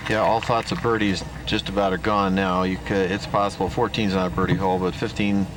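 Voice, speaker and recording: A man with a deep voice analyzes golf play in a conversational, slightly halting way. The commentary sounds distant from the mic, with loud outdoor noise throughout. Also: flat delivery.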